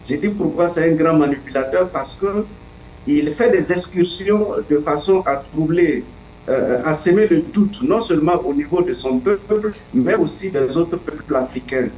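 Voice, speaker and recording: A man's voice: a little high, normal speed, a little mellow, slight background noise. Earnest man in an echoey, distant recording. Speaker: political commentator. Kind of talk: analytical interview answer. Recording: echoey, distant, dull lo-fi sound.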